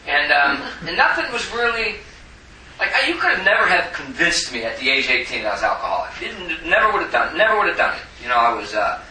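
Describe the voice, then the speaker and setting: A man's voice: fairly high pitch, big pitch swings, quick pace, bright, forceful tone. A man in his forties from Arizona who tells his recovery story in a rambling, self-mocking way, often chuckling. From Tucson, Arizona, USA. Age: 40s. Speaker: recovery meeting speaker. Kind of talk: personal recovery testimony. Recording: roomy, distant mic, faint hiss.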